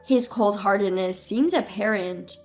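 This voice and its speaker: A woman in her twenties telling her own story as scripted first-person narration in an even, measured way. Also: mid-range voice. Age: 20s. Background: faint music.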